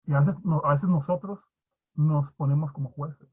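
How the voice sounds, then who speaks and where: A man's voice: on the high side, fairly even intonation, normal speed, husky. A male pastor preaching a sermon and telling his own testimony, fervent and emotional, repeating phrases and restarting often. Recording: dull lo-fi recording.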